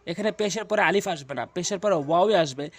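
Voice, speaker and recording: High-voiced man drilling reading rules. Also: fast, creaky, dry recording. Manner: repeats points, drills syllables aloud; hesitant fillers between phrases. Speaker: Quran reading teacher. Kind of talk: spoken tutorial lesson.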